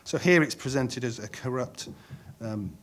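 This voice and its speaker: A middle-aged man speaking on a conference panel in a measured way, pausing with frequent ums and restarting phrases. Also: mid-range voice, a bit bright.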